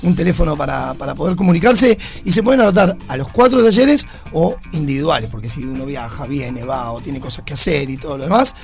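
A man's voice: fairly high pitch, expressive, brisk, vocal fry, few pauses, music in the background. A man, a guest bartender chatting casually on a radio show, often restarting his words.

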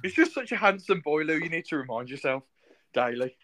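A man's voice: a little high, very animated, fairly quick, fairly bright tone. A man, a podcast host in casual chat, joking and teasing in an easygoing way.

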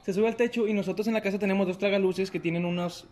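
Animated young Mexican man telling a story. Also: high-pitched, fast. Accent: Mexican Spanish. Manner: animated, slangy, acts out shouts and quotes. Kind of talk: casual storytelling.

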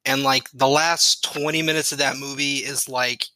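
A man's voice: medium pitch, steady tone, moderate pace, bright, forceful tone, no room sound, low-quality recording. A man chatting earnestly about why stories move people, reflective and a little teasing. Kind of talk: casual group chat about movies.

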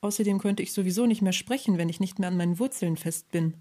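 A woman voicing a gentle young talking fir tree in a storybook, soft and rustling, polite and pleading. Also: on the low side, fast talker, close to an everyday voice.

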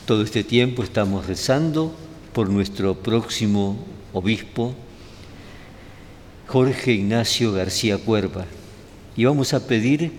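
A cathedral echo with long reverb and clear background noise surrounds a man leading solemn prayer. He speaks slowly at a medium pitch, pausing between short phrases as he gives blessings. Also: darkish tone. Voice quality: echoing cathedral sound. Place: large cathedral, indoors.

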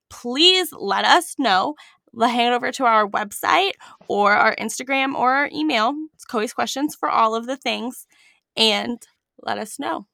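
A woman's voice: a little high, vocal fry, bright, forceful tone, dry recording, studio quality. A woman co-hosting a podcast, chatting and teasing her co-host as she wraps up the episode. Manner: chatty, teasing, upbeat sign-off. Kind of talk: casual podcast chat.

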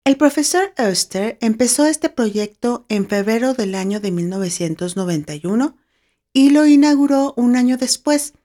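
A woman's voice: fairly high pitch, expressive, normal speed, warm tone. A woman hosting her own podcast, talking in a cheerful, playful, chatty way. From Mexico. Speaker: podcast host. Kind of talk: solo podcast monologue.

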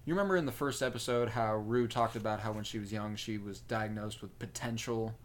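A man's voice: on the low side, a little fast, a little hiss or hum. Man recapping a show, analytical. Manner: recaps and analyzes eagerly, asks questions. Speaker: podcast co-host. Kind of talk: casual chat.

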